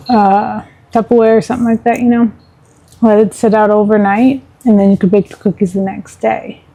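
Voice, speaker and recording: A woman's voice: fairly high pitch, phone-quality sound. A woman chatting casually while showing how she cooks a recipe at home, with small asides. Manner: chatty, relaxed, talks to her pet mid-recipe. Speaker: home cook, vlogger. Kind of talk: casual cooking tutorial.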